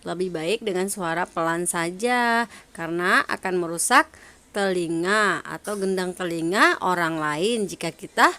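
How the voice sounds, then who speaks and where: A woman teaching a primary school class online, speaking gently and coaxing her pupils with frequent "ya". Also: medium pitch. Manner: gentle, coaxing, adds "ya" to sentences.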